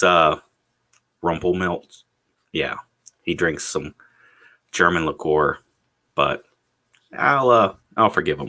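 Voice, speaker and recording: Deep-voiced man, slow rambling livestream chat. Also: sharp tone. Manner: halting, meandering delivery with repeated words and drawn-out pauses; sweary, blunt talk.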